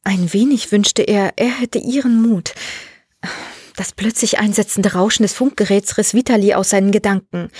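A woman narrating a science fiction story aloud in a measured, expressive way. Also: mid-range voice, slightly rough, no room sound, studio quality. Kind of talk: scripted audiobook narration.

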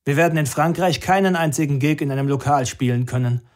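A man's voice: a little high, quick pace, close to an everyday voice. A man reading a terse, defiant band leader. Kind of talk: audiobook character voice.

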